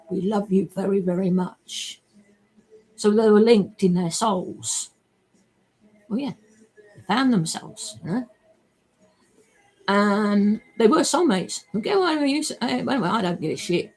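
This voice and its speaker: Brief: woman, husky, unhurried, emotional and rambling, salty language. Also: medium pitch, darkish tone. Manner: emotional, rambling, swears freely. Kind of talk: rambling personal monologue.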